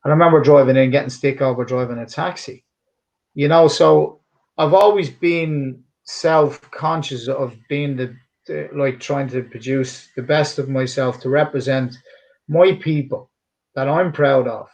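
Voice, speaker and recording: As an interview guest, this boxing and MMA cutman, a middle-aged man from Dublin with a somewhat polished accent, speaks earnestly and with emphasis, often rambling and starting sentences over. His mid-range voice is unhurried and a little mellow.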